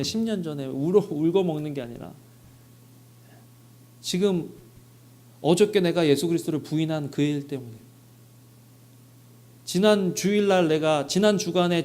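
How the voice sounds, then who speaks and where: Male pastor, fairly high voice, preaching a Sunday sermon, asks rhetorical questions, acts out dialogue. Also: a little mellow. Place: church sanctuary.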